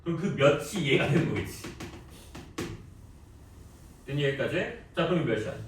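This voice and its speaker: A man's voice: on the high side, normal speed. Guy teaching math in a classroom, teasing, voice bouncing around the room, faint background noise. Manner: lively, teasing, quizzes students with short questions. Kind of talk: classroom lecture. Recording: echoey classroom, voice from far off.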